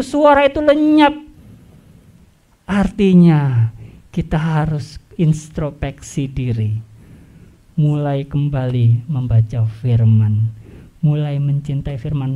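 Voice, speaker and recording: A pastor delivers a sermon at an unhurried, measured pace in a mid-range voice. The delivery is animated, leaning on rhetorical questions and repeated emphatic warnings to the congregation. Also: medium pitch.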